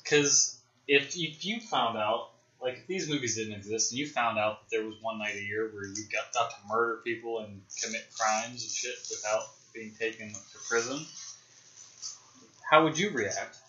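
Young male podcast host, bright and forceful, casual rambling film talk, roomy dull lo-fi audio. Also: on the low side, normal speed. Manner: rambling, speculative, frequent fillers and restarts.

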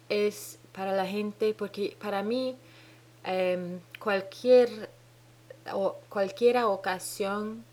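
A woman with a fairly low, darkish voice and a Dominican-tinged Spanish accent hosts her own podcast from home in New Zealand. Speaking alone in a solo monologue, she sounds hesitant, often pausing to search for words and starting over.

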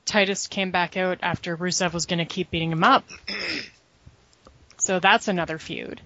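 A woman's voice: fairly low pitch, steady tone, moderate pace, sharp tone, no echo. A woman talks through a recap in a casual chat, dry and sarcastic in her asides. The sound is close and dead, with a slightly dull, lo-fi quality. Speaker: podcast co-host recapping wrestling.

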